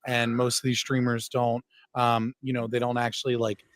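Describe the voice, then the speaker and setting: A man's voice: mid-range voice, completely flat delivery, normal speed, no room sound. A man in a casual panel discussion, speaking bluntly and peppering his sentences with filler words. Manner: blunt, heavy use of 'like', sweary.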